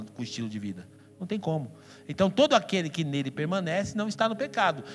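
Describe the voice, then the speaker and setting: Lively Brazilian pastor in an echoing church. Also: male voice, high-pitched. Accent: Brazilian Portuguese. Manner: emphatic and playful, with sudden loud outbursts and mock voices. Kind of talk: sermon. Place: church hall. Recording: long hall reverb with faint music.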